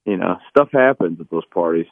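A man's voice: sits low, expressive, a little fast, vocal fry, dry recording, narrow, tinny audio. A man calling in from bed, hungover with a headache, groggy and stammering as he talks. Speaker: radio caller. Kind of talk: casual phone call-in chat.

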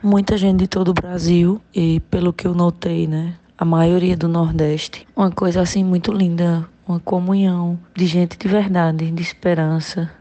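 Low, flat-voiced woman, heartfelt. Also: normal speed, hardly any pauses, highs cut off. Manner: heartfelt, reflective. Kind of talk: recorded testimony.

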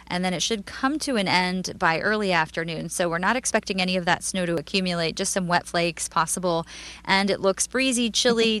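An American woman speaks as a radio meteorologist. Her delivery is conversational and informal, and her voice sits at a middle pitch for a woman. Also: fairly bright tone. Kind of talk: conversational weather report.

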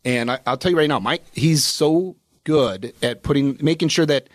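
A man's voice: medium pitch, normal speed, no echo, studio quality. A man, a financial advisor on a radio talk show, explaining retirement planning in a casual, explanatory way with many fillers.

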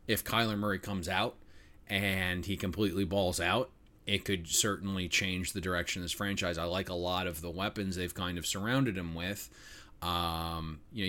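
A man's voice: low-pitched, bright, forceful tone. A man co-hosting a sports betting podcast, talking casually and opinionatedly with lots of fillers. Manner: opinionated, rambling with frequent fillers. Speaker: podcast co-host.

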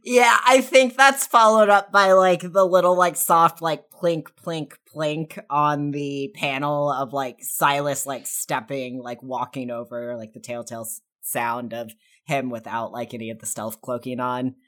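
A woman's voice: low-pitched, fairly even intonation, unhurried, a bit bright. A woman playing a tabletop game, describing her character with hesitant fillers. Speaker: player. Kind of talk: casual tabletop play.

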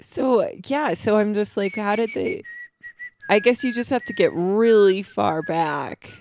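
A woman's voice: medium pitch, a little slow, darkish tone, a little hiss or hum. A woman in her thirties co-hosting a casual podcast, rambling and giggly with lots of fillers, sounding tired. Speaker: podcast co-host. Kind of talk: casual chat. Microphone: close studio mic.

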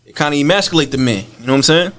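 A man's voice: fairly high pitch, animated, very fast, a bit bright. A man co-hosting a casual podcast chat, talking in loose slang and laughing often.

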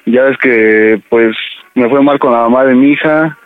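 A man's voice: medium pitch, a little slow, clean tone, narrow, tinny audio. A man on a radio prank call, hesitant and stammering as he pleads to be accepted. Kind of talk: prank call, playing a nervous son. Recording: radio broadcast with music behind.

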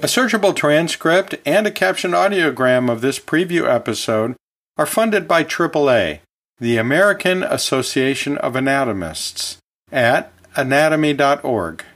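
Soft music plays behind an anatomy and physiology teacher who hosts an educational podcast. His voice is on the high side, a bit bright and expressive, delivered at a moderate pace. Chatty and folksy, he laughs a lot and corrects himself in offhand asides.

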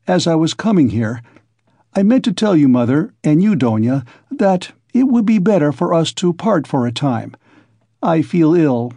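A man's voice: fairly high pitch, darkish tone, no echo, voice pushed up. A man voicing a tormented young man, feverish and resolute, who talks in tense, clipped pleas.

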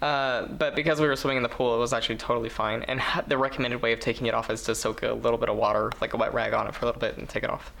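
A woman's voice: a bass voice, little pitch movement, rapid-fire, gravelly, hardly any pauses, a bit bright, slight background noise. A woman co-hosting a podcast in casual chat, laid-back, swearing casually and laughing, recorded in a small apartment. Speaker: podcast co-host.

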